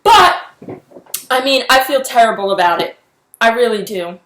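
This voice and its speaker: A young woman ranting in a casual vlog, exasperated and animated, filling her talk with "like". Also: a little high, normal speed, echoey room. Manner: animated, exasperated, heavy use of "like". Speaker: vlogger.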